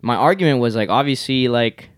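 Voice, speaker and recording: A man's voice: medium pitch, animated, fairly quick, smooth, no room sound, clean studio sound. A young man co-hosting a casual podcast, laid-back and slangy, often saying yo and bro. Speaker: podcast co-host.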